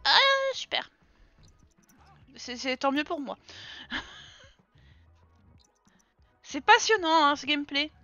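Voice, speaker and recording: A woman's voice: high-pitched, expressive, slow, long pauses, pushed and bright, no echo. A young woman from France chatting casually over gameplay, teasing the characters she controls. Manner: chatty, teasing, talks to her game characters. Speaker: streamer. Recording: dull lo-fi sound with game music behind.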